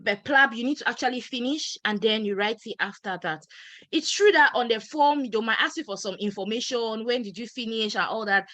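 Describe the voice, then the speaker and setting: A woman doctor, giving emphatic, animated advice on a webinar over a video call. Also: on the high side, a little fast, no room sound. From Cameroon. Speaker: panelist doctor.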